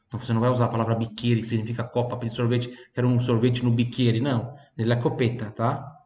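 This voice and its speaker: A man gives an online language lesson, slowing down to repeat each word and phrase so viewers can say it after him. His voice sits at an ordinary middle pitch, picked up by a desk microphone in a roomy space with a slightly dull sound. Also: flat delivery, mellow. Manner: patient, repeats phrases slowly for learners to copy. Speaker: Italian language teacher.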